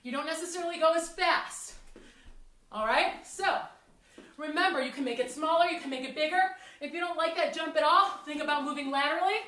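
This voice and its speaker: A woman's voice: sits high, a little fast, sharp tone. A woman fitness instructor leading a workout class, out of breath, encouraging the class and counting down reps. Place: fitness studio. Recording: echoey room, mic at a distance.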